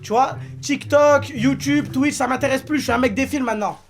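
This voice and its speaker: A brash young man chats with his live-stream audience, joking crudely and teasing the viewers. His voice sits fairly high for a man, and music plays clearly behind him. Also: quick pace. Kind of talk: casual live-stream chat.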